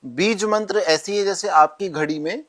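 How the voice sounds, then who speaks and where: Man, calm instructive guest, explains rituals step by step, slightly high voice. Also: moderate pace. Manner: calm, instructive, addresses listener directly. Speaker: astrologer guest.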